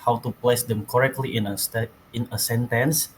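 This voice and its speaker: A man's voice: mid-range voice, fairly even intonation, normal speed, slight background noise, rough recording. A young man from Indonesia, a student reading his presentation slides aloud, with small restarts. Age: young adult. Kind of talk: class presentation.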